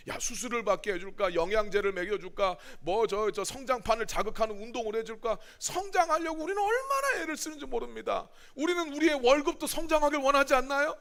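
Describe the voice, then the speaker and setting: A man's voice: extremely high pitch, pushed and bright. A middle-aged male pastor preaching a sermon, full of rhetorical questions and acting out quoted voices. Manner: acts out quoted voices of churchgoers and Jesus.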